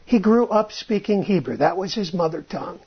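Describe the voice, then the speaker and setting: Brisk and expressive, a Bible teacher speaks informally in a slightly rough, medium-pitched voice. He restarts phrases, thinks aloud, and finishes points with a questioning "right?", heard through dull lo-fi sound.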